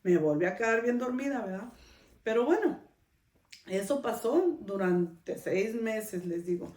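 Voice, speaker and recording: A woman's voice: mid-range voice, expressive, unhurried, a little mellow, recorded from a distance. Middle-aged woman, podcast host, chatty personal storyteller, recorded off-mic in a roomy space. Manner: conversational, often adds a questioning tag to her sentences. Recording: roomy sound, speaker off-mic.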